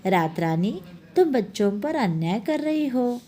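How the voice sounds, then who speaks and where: Woman voicing a kind moon uncle, gently preaching, slow, expressive. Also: on the high side, voice pushed up. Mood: gentle. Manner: gentle, lecturing. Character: kindly wise male moon uncle.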